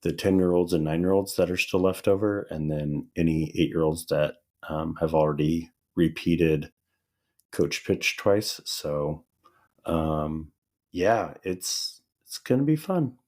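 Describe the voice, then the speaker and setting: A man in his thirties co-hosting a casual podcast, his voice a little raspy and dry from a recent loss of voice, telling stories with easy laughs. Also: rumbling low, measured pace. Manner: relaxed storytelling, laughing often. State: hoarse, recovering voice. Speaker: podcast co-host. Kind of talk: casual chat.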